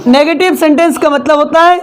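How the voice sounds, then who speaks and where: A woman's voice: high-pitched, fairly even intonation, brisk, faint music behind. A woman teaching English in a classroom, repeating each point and having the class echo it back. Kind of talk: classroom lesson, call-and-response drilling.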